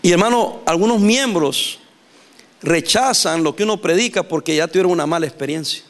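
High-pitched pastor guy preaching, animated, laughs a lot, acts out what people said. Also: moderate pace. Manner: lively, animated preaching with laughs and acted-out quotes. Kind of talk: sermon.

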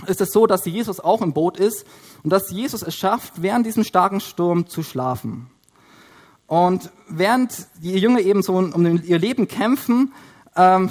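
A man giving a Bible teaching, explaining step by step with frequent hesitations while he draws. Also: sits high. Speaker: preacher.

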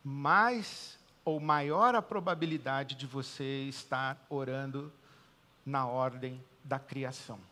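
A man with a Brazilian Portuguese accent preaching a sermon as pastor, swinging between loud emphatic declarations and quiet, hushed pauses. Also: medium pitch, in a large hall.

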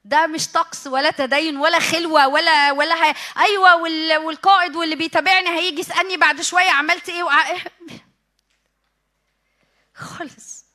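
A middle-aged woman with an Egyptian accent preaching to a youth meeting, animated, acting out her listeners' excuses and dropping to a hushed whisper when she prays. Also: very high voice, a little fast. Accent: Egyptian Arabic. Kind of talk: sermon.

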